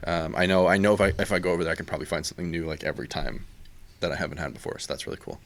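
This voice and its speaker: A man's voice: sits low, rapid-fire. A man co-hosting a podcast, talking casually and rambling a bit with lots of fillers. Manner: relaxed, rambling with many fillers. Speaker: podcast co-host. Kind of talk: casual chat.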